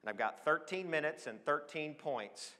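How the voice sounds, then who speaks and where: A fairly high-pitched, expressive man with a sharp tone talks at normal speed in an emphatic, enthusiastic motivational business presentation. He is an American advertising professional in his forties, from Switzerland and later Oregon, speaking as a conference speaker on stage in a large hall and questioning his audience. The large hall's long echo is clearly audible.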